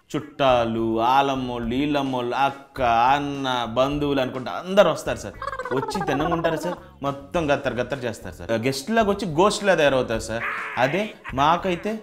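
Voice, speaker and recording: A young man, a bachelor tenant, earnestly persuading a house owner in a comedy sketch, saying "sir" again and again. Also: mid-range voice.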